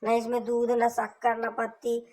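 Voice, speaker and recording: A spiteful young sister-in-law picks at everything in a slow, deliberate drawl, as a woman acts her out. Her voice sits a little high and stays scornful. It is a homemade family drama skit. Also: completely flat delivery, darkish tone. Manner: scornful, fault-finding.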